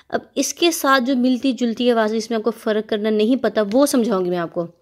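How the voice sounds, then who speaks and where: A woman with a Pakistani Urdu accent teaching Quran reading in a slow, drilled lesson, patiently repeating each sound for the learner to echo. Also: a little high, darkish tone. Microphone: online class recording.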